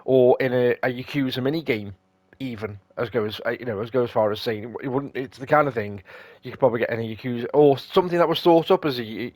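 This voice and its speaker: Over light game music, a man hosts a gaming video, casually explaining the gameplay and reading tutorial text aloud in a rambling way. His voice sits at medium pitch with no echo.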